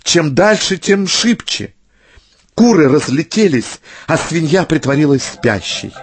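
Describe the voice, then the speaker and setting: A man narrating a fable in slow, measured scripted storytelling. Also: fairly high pitch, very animated. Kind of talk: scripted fairy-tale narration.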